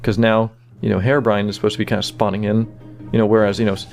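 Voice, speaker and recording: Low, flat-voiced man narrating animation. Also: quick pace, gravelly, faint music behind. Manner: relaxed, many fillers like "you know" and "kinda". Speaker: animator giving commentary. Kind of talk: casual behind-the-scenes commentary.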